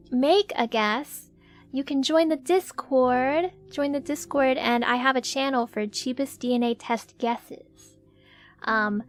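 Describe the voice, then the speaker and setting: A woman livestreamer chatting casually in a cute anime-streamer manner. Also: on the high side. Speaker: streamer, VTuber host. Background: faint music.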